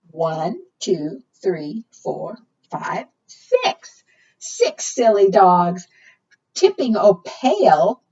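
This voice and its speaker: A children's librarian with a husky, mid-range voice leads a preschool storytime, reading aloud in a sing-song way and asking her young listeners questions. The recording is dull and lo-fi, picked up by a distant mic.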